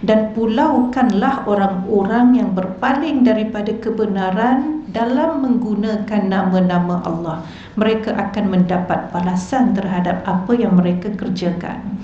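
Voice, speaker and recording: A woman's voice: mid-range voice, moderate pace, warm tone, a little hiss or hum. A woman religious teacher with a Malaysian Malay accent, giving a lecture in a mosque hall and asking the audience rhetorical questions. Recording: echoey hall, dull lo-fi sound.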